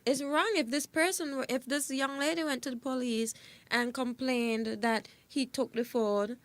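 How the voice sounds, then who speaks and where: Firm, emphatic woman, slightly high voice. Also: fairly even intonation, normal speed, dry recording. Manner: firm, emphatic, repeats key points. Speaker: talk show co-host. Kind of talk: opinionated casual panel chat.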